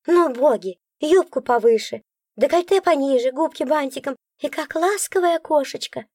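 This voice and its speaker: A woman's voice: high-pitched, normal speed, darkish tone, dry recording, studio quality, pitched above the performer's own voice, lightly acted. A woman voicing a grumpy, sarcastic female magic book in an audiobook, grumbling and bossy. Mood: bossy lecturing. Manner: grumbling, bossy, sometimes cooing. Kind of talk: audiobook character voice.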